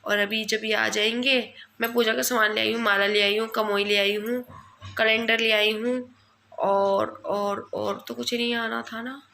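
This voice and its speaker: A young woman talks casually into her phone camera at home, rambling through her day and quoting her husband's replies. Her voice sits a little high and sounds bright and gravelly. Faint room noise hums behind her. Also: level tone, normal speed. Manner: chatty, rambling, often quotes her husband. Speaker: family vlogger. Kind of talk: casual home vlog chat. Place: at home indoors.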